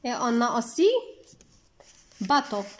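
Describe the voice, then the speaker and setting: A woman teaching a children's French lesson, slowly sounding out and repeating words syllable by syllable. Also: fairly high pitch, animated. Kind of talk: slow French lesson for young children, explained in Arabic.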